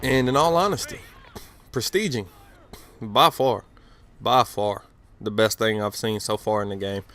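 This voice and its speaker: Fairly bright in tone though low-pitched, a man in his late twenties takes his time narrating gameplay in a relaxed, meandering way. He's out in the cold in front of his house, slightly stuttery from the chill, dropping swear words and plenty of fillers.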